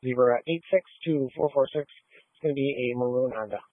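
A male police officer calls in traffic stops and spells out plates in a flat, matter-of-fact way. His voice comes through a narrow, phone-like radio band. The sound is dry and close. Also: medium pitch, fairly quick, no room sound. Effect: heard over a phone-like radio channel.

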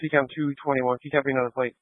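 A man's voice: mid-range voice, flat delivery, very fast, no room sound. A man working as a police officer, calling in traffic stops in a matter-of-fact way and spelling plates and names letter by letter, heard over a phone-like radio channel. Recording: narrow phone-like radio audio, dry.

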